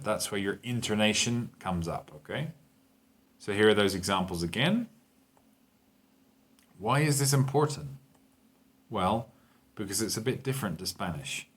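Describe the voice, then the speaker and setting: A man teaching a grammar lesson to Spanish speakers, explaining patiently and checking in with "okay?" and "right?". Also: fairly low pitch. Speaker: English teacher.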